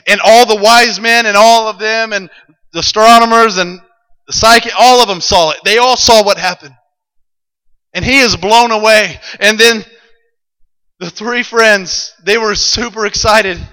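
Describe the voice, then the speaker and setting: A male preacher telling a Bible story to a congregation, building from calm narration to excited shouts. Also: high voice, unhurried, clean tone. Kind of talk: sermon. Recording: long hall reverb.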